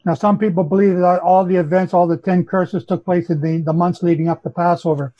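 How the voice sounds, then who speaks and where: A high-voiced Canadian man lays out his chronology with insistence, correcting himself as he goes. The sound is muffled and lo-fi. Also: level tone, fairly quick, dark tone. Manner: insistent, explanatory, self-correcting. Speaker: Bible chronology teacher. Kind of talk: teaching on a group call.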